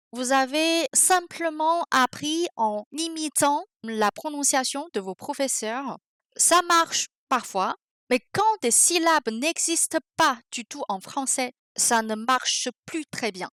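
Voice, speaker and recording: A young woman, teaching pronunciation on a podcast in a slow, careful way and sounding out syllables. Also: on the high side, a bit bright, no room sound, clean studio sound. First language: Mandarin Chinese.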